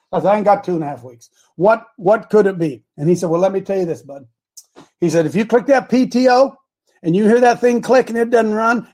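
Here a religious talk show host, an American man, spins rambling personal stories in a casual, folksy, lively manner. His raspy voice is high, and he repeats phrases to stress them.

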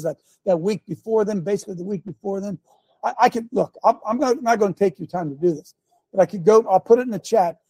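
An older man hosting a show in a preachy commentary style, repeating his points and firing rhetorical questions, often clearing his throat. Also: high-pitched, dark tone, no room sound. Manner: emphatic, repeats lines, fires rhetorical questions. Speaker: show host.

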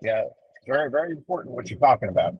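A man calling in while driving, his voice on glitchy call audio that keeps breaking up, talking haltingly with restarts. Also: medium pitch, sing-song, husky, dry recording, phone-quality sound. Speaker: caller. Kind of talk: call-in comment on a faith show.

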